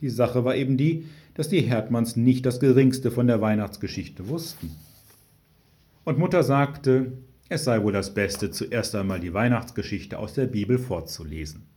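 A man narrating a story in a calm reading voice, with dry humor. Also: medium pitch, moderate pace. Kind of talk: scripted narration.

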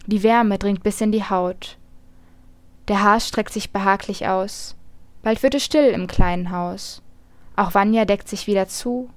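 A woman reading a rhymed children's story aloud, lively, lifting her voice for the animals' lines. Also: medium pitch, a little slow, no echo.

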